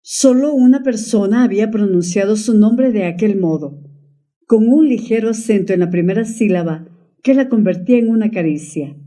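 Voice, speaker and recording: A woman reads an audiobook in a measured, dramatic manner. Her voice is very dark and mellow. It sounds set back from the mic. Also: mid-range voice, far from the mic. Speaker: audiobook narrator. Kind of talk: audiobook narration.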